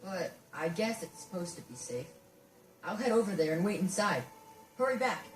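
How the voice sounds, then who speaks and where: A woman's voice: lowish voice, animated, normal speed, natural voice. Woman voicing a scared young wasteland boy, distant and roomy. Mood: relieved. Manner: pleading, panicky. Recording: roomy distant game audio, faint hiss.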